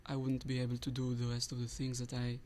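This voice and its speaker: Male radio studio guest from Israel, mid-range voice, reflective and halting delivery. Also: medium pitch, completely flat delivery, warm tone. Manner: thoughtful, searching for words, many restarts. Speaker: saxophonist guest. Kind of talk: radio interview, reflective answers.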